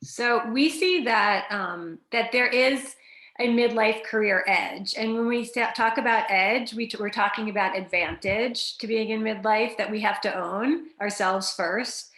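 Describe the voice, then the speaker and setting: A woman's voice: fairly high pitch, unhurried. Woman, middle-aged, career coach, casual webinar talk, lots of ums, echoey room. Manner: relaxed, many fillers and restarts. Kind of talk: conversational webinar presentation.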